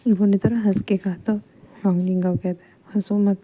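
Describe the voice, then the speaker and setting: A woman casually retelling a fan fiction story in a soft, half-whispered way, with chatty fillers. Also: medium pitch, steady tone, brisk.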